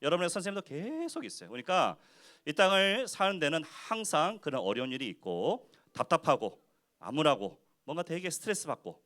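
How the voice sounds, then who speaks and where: A male pastor leads a children's worship sermon, his voice swinging widely up and down in pitch. He talks in an animated way, keeps firing questions at the kids, and acts out other people's lines in quick little voices. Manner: acts out quoted speech in short voices. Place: church worship service for children.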